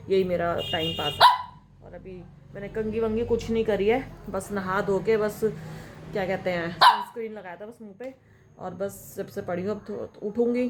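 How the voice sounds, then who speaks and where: A woman's voice: medium pitch, a little hiss or hum. A young woman chatting casually in a home vlog, cooing now and then to her pet dog. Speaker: vlogger. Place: at home indoors.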